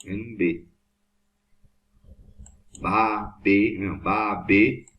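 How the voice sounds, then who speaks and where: Patient low-voiced teacher. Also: male voice, extremely slow, dull audio. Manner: patient, repetitive, checks understanding often. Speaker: Hebrew teacher. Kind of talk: classroom lesson at a board.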